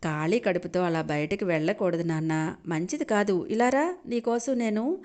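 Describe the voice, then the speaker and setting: A woman voicing an affectionate, teasing middle-aged aunt who turns sharp and mocking when crossed, in an audio story. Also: on the low side, animated, normal speed, close to an everyday voice. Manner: affectionate, sly, cutting when provoked.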